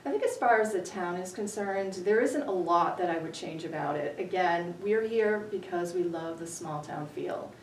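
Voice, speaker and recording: A woman in her forties from New Hampshire answers interview questions in an earnest, measured way. Her fairly low voice echoes around a library room and sits well back from the microphone. A faint hum runs under the recording. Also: recorded from a distance. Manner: earnest, measured, with many ums. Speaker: town budget committee candidate. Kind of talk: local candidate interview.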